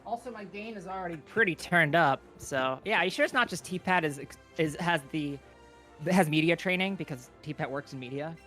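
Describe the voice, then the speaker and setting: Soft background music accompanies a man with a slightly high, sharp-toned voice who is co-commentating a livestreamed speedrun event. Speaking close into his own microphone, he's chatty and playful, often making quick restarts.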